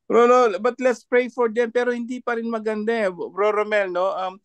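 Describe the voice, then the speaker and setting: A man's voice: extremely high pitch, clean tone, dry recording. A man commenting as a panelist in an online discussion, mocking and laughing often between his points.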